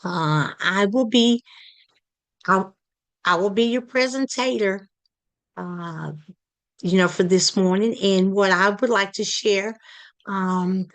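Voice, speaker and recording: Slow, hesitant woman presenter. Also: mid-range voice. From Palestine, Texas. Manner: hesitant, many fillers and restarts. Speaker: community project leader presenting. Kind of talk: halting prepared presentation.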